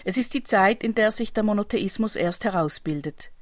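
A woman preaching, giving a calm, measured, explanatory reflection in a scripted style. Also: mid-range voice, dry recording, studio quality.

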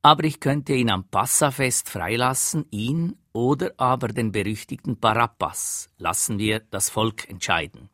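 A man's voice: mid-range voice, moderate pace, hardly any pauses, sharp tone, no echo, clean studio sound. A man voicing a cool, decisive Roman governor with an official manner. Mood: coolly official.

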